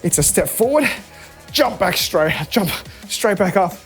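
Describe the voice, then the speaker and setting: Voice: medium pitch, expressive, measured pace, over loud music. An instructor coaching a live home workout, chatty and encouraging while demonstrating the moves. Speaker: fitness instructor.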